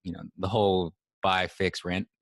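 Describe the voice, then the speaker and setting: A young man from Hawaii speaking as a podcast guest, relaxed and laid-back, with a lot of filler words. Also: low-pitched, moderate pace, dry recording. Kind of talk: casual conversation.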